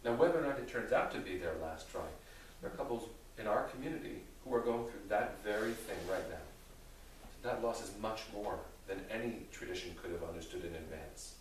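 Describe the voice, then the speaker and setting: A man speaking as a rabbi, answering theological questions in a deliberate, thoughtful way with careful qualifications. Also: lowish voice, lively intonation. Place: reverberant indoor room with an audience. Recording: very echoey room, distant mic, faint noise.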